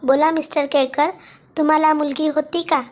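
A woman voicing a defiant young woman who confronts her absent father in a cold, sharp, cutting voice. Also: high voice, flat delivery, moderate pace, close to an everyday voice. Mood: icy, accusing.

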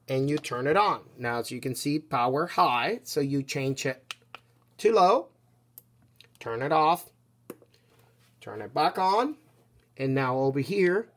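Acting as a seller, a man gives an unscripted product demonstration, casually explaining each step in a halting, instructional way. His voice has a fairly high pitch.

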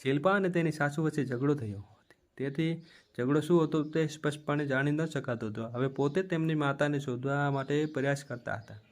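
A man telling a dramatic family story as a steady, plain storyteller. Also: fairly high pitch, a little fast.

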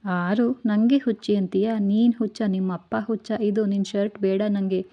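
A tipsy young bride, playful and clingy, poking at her husband with childlike teasing questions, as a woman reads her in a storybook. The voice sits at an ordinary middle pitch, and the recording sounds dull and lo-fi. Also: steady tone, normal speed, lightly acted. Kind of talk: storybook reading.

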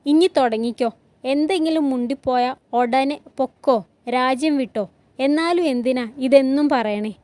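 A woman narrator voicing a caring but sharp-tongued mother who answers in a tart, needling way. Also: high voice, moderate pace, no room sound, natural voice.

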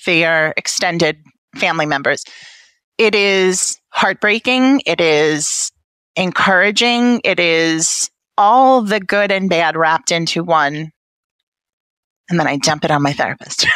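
Her lowish, slightly bright voice comes through with no room sound as this patient family advocate from Brooklyn, New York talks frankly and wryly as an interview guest. The Brooklyn accent is clear throughout.

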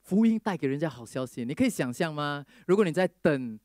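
Lively male preacher telling a story. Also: a little high, brisk, no echo, studio quality. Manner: lively storyteller who mixes English phrases into Mandarin; acts out the people he quotes. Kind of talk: sermon testimony storytelling.

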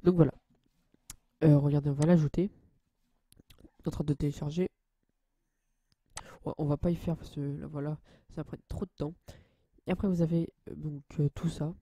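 A young man hosting a casual software tutorial, hesitant and full of fillers and restarts, addressing viewers as guys. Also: on the high side, steady tone, normal speed, pauses often, slightly rough, no echo. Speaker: channel host.

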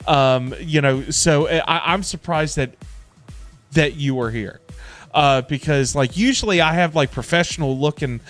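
Speaking at a measured pace in a slightly bright voice on the high side, a middle-aged American gamer runs a laid-back livestream from his home setup. He wanders off topic, says things twice, and talks in loose slang while music plays behind him.

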